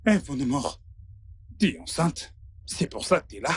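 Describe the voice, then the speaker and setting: A stammering, pleading broke boyfriend. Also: male voice, mid-range voice, sing-song, measured pace, slightly rough, heavily acted. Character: broke young man pretending to be rich, pleading boyfriend. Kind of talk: French dub of a film.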